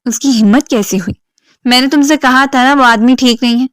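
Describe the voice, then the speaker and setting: A protective father and former soldier, caring toward his daughter but stern, as a woman narrator voices him. The reading is smooth and close, with a dry audiobook sound. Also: high-pitched, fairly bright tone, no room sound.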